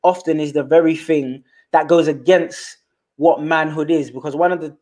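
Animated young London man, high voice. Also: moderate pace. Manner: animated, slangy, repeats words when excited. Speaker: guest. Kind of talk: casual storytelling interview. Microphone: remote call.

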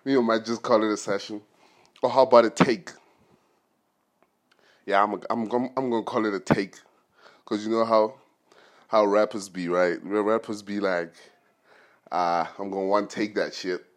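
A man's voice: lowish voice, steady tone, normal speed, long pauses. A man hosting a solo podcast, talking casually in a rambling, joking way with plenty of slang. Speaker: podcast host.

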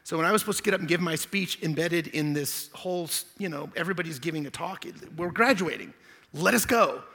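Hoarse, upbeat pastor in a reverberant hall. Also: male voice, fairly high pitch, fast, bright, forceful tone. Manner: upbeat, joking, rambling asides. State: hoarse, losing his voice. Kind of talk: joking sermon opening. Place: church hall.

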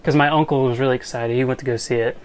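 A man's voice: medium pitch, fairly even intonation, racing, darkish tone. A young man chatting casually as a podcast co-host, eager and often trailing off mid-thought. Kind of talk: casual chat.

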